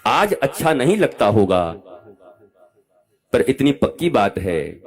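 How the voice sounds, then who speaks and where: A spiritual teacher in his fifties delivers a live discourse with a mid-pitched male voice. He talks animatedly, rising into loud exhortation and falling to soft, familiar asides. He addresses his listeners directly and affectionately. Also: big pitch swings, takes it slowly, soft background music. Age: 50s.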